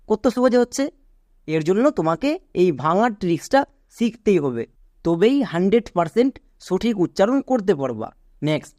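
Pronunciation teacher, slow letter-by-letter spelling, encouraging check-ins, mid pitch, dry close sound. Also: darkish tone, no echo. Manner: encouraging, asks learners quick check questions. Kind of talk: online spelling and pronunciation lesson.

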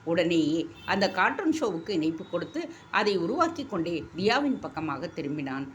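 A woman reading a story aloud in a measured, expressive way. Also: fairly low pitch, muffled recording, slight background noise. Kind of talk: scripted story narration.

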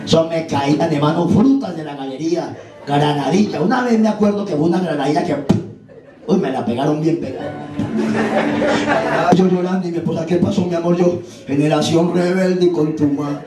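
Animated Colombian preacher in an echoing hall. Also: male voice, fairly high pitch, normal speed. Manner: animated storytelling, acting out voices, laughing. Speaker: preacher giving his testimony. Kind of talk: sermon testimony. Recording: echoey hall, far from mic, music behind.

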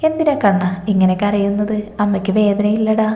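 A woman voicing a gentle young mother who speaks softly and soothingly. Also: mid-range voice, moderate pace, faint music behind, lightly acted. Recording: echoey room with long reverb.

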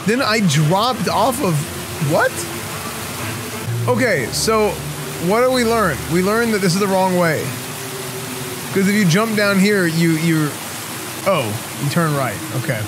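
A man's voice: high voice, animated, measured pace, pauses often, noisy background. A man in his thirties giving casual live game commentary in a goofy, slangy way, speaking close into a streaming microphone. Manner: goofy, slangy, easily startled exclamations. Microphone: boom microphone close up, streaming setup. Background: game music.

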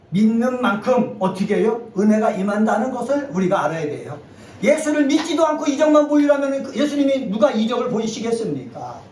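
High-voiced pastor preaching in an echoey church. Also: male voice. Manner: emphatic preaching, rising to near-shouts at key points; leads the congregation in call-and-response. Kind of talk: sermon. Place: church sanctuary. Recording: echoey hall, voice from a distance, faint noise.

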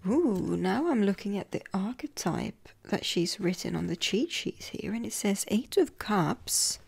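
A woman hosting a tarot deck flip-through at home, talking softly in a half-whisper and gushing over the cute cards. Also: medium pitch, lively intonation, measured pace, gravelly, breathy edge, no echo. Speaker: tarot channel host.

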